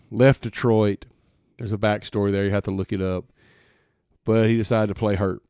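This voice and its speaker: Guy in his 40s rambling on his podcast, low gravelly voice, dry close mic, lots of ums and little laughs. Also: a little mellow, dry recording. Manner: folksy, rambling with fillers and chuckles. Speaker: podcast host. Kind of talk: casual faith talk.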